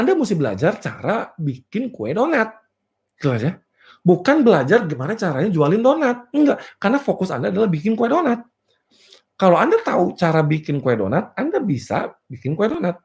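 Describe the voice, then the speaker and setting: A man's voice: sits high, huge pitch swings, a little fast, darkish tone. A male business coach giving a motivational seminar talk, playful, asking rhetorical questions and laughing at his own jokes. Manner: playful, rhetorical, repeatedly checks "clear?" with the audience. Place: live and virtual seminar.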